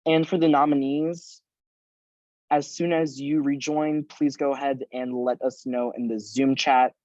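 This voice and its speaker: A man chairing a formal student meeting over a video call, making measured procedural announcements. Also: mid-range voice, level tone, a little mellow, no echo. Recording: dull lo-fi video call audio.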